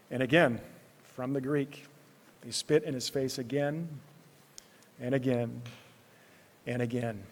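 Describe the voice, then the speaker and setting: A man preaching a sermon in an earnest way, repeating words, moving between loud emphasis and hushed, quiet phrases. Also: medium pitch. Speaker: pastor. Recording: long hall reverb.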